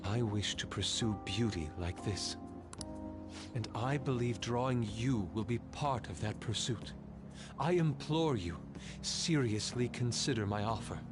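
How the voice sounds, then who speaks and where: A man acts out a proud young male art student from a video game, an anime rival with formal, theatrical diction. His delivery swings widely in pitch and is fiercely loyal in temper. Clear music plays behind him. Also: animated, unhurried, lightly acted. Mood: earnest, formal. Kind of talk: English video game voice acting.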